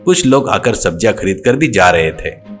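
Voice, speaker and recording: A man narrating a scripted storybook in a steady, plain way. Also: on the low side, normal speed, soft background music.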